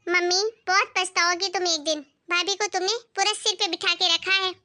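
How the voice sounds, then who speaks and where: A woman voicing a jealous grown daughter in an animated family skit, talking in a sharp, complaining way. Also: extremely high pitch, moderate pace, exaggerated voice. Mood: bitter.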